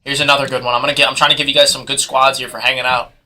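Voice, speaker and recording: A man hosts a live card break and calls out bids in hyped, rapid auction patter. His voice is very bright and sharp. He sits close to the mic. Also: mid-range voice, level tone. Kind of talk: live sales commentary.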